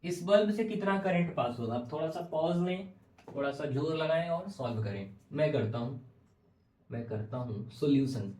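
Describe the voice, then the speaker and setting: A man's voice: a little high, lively intonation, moderate pace, warm tone, far from the mic. A male physics teacher gives a classroom lecture and keeps asking questions that he answers himself. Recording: echoey room, voice from off-mic.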